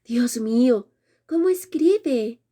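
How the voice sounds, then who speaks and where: A woman's voice: expressive, slow pace, mellow. A woman voicing a giggly teenage girl who shrieks and teases in an exaggerated way in a storybook reading. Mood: mocking. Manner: shrill, exaggerated teasing.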